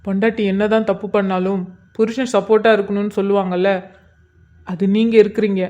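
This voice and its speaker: A woman's voice: mid-range voice, warm tone, dull audio, close to an everyday voice. A woman voicing a young brother-in-law, worn out by grief but sincere, in a cartoon drama. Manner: weary, sincere. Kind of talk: cartoon voice acting.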